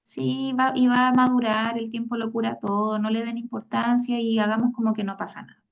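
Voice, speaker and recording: A woman's voice: on the high side, little pitch movement, a little fast, creaky, muffled recording. A woman with a Chilean accent gives a conversational psychology lecture, often checking in with "¿sí?" and acting out quoted parents. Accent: Chilean Spanish. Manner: acts out quoted parents in a brighter voice. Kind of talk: online lecture.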